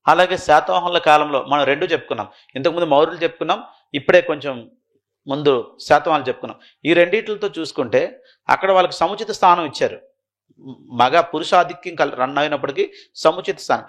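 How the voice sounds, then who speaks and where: Male teacher, slightly high voice, lecturing and quizzing himself, repeats key lines for notes. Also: a bit bright. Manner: repeats key phrases slowly for note-taking, mixes English terms; asks questions and answers them himself. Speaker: history teacher. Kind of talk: classroom lecture.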